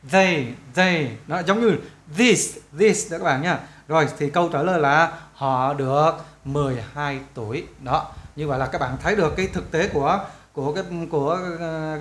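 A man teaching English to schoolchildren in a casual, chatty walkthrough, often repeating phrases and spelling out English questions slowly; his first language is Vietnamese. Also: a little high, fairly bright tone.

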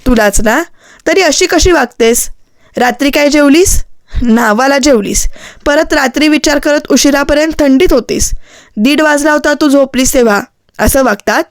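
A woman's voice: sits high, moderate pace, no room sound, clean studio sound, voice pushed up, natural voice. Woman voicing a scolding protective young man. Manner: reproachful, scolding questions.

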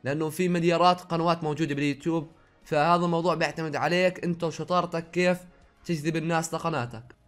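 A young Jordanian man rattles along at a very fast pace in a slightly raised voice, slipping some Saudi words into his dialect. He talks casually to his viewers from his own room, reading their questions aloud and answering them one after another. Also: on the high side, fairly even intonation, soft background music. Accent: Jordanian Arabic with some Saudi words. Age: young adult. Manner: rapid, chatty, reads viewer questions aloud then answers. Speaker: YouTuber.

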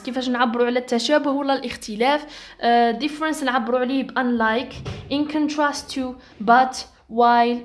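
Algerian woman teaching, slightly high voice. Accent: Algerian Arabic. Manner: explains quickly, then spells out examples slowly; frequent hesitation sounds. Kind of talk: exam revision lesson.

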